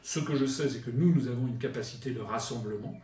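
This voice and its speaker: A man's voice: mid-range voice, fast talker, dark tone. A man answering as a political spokesman, hesitant with many fillers and restarts. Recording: echoey room from far off.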